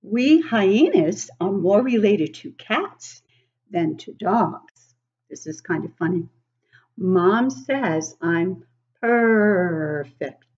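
A woman in her sixties, a teacher, reads a picture book aloud to little kids from her living room. Her medium-pitched delivery is unhurried, expressive and exaggerated, swooping as she asks the children questions. The home webcam recording sounds slightly muffled.

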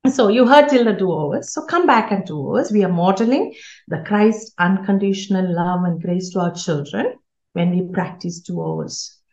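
Her voice is low and darkish with vocal fry, and she talks at a moderate pace. She's an earnest parenting speaker who repeats important words for emphasis, heard through roomy, slightly dull video-call audio.

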